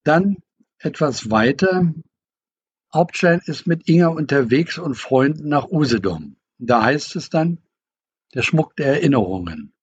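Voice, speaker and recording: Husky man reading his own novel. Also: fairly high pitch, lively intonation, measured pace. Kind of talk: book reading. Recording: dull lo-fi recording.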